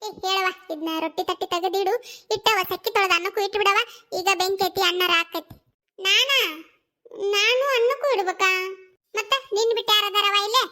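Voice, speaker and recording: A woman doing squeaky village cartoon women. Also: fairly quick, bright, forceful tone. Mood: fussing. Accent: North Karnataka Kannada. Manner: scolding, teasing banter. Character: chatty village women of a farming family.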